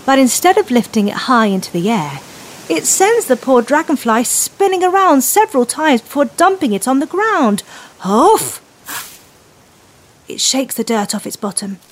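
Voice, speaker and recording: A woman narrating a scripted children's story with gentle relaxation guidance, in an expressive, gentle manner. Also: high voice, normal speed. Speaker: children's storyteller leading a guided breathing exercise.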